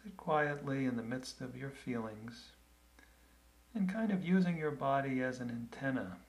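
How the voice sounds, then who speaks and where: A man leading a guided meditation in a calm, gentle, unhurried way, with long pauses between phrases. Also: mid-range voice, creaky.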